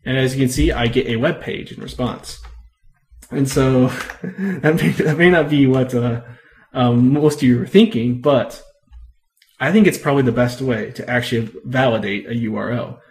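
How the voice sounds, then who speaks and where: A man's voice: mid-range voice, normal speed. A man casually explaining a computer topic in a screen-recorded tutorial, rambling and correcting himself as he talks, with lots of ums. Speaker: tech video host.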